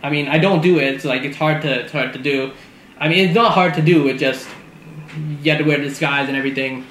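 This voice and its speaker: A man's voice: fairly high pitch, fast, a bit bright, reverberant, a little hiss or hum, poor audio. A man hosting a reaction video, rambling casually with restarts and bursts of laughter. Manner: rambling, restarts often, laughs between thoughts.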